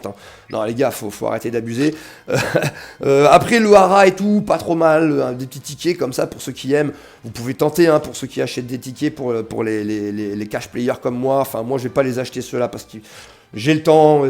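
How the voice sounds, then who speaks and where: With a slight cold, this young mobile game video creator chats to "les gars" in a slangy way, often reading out the game's text. His medium-pitched voice is creaky and a little mellow.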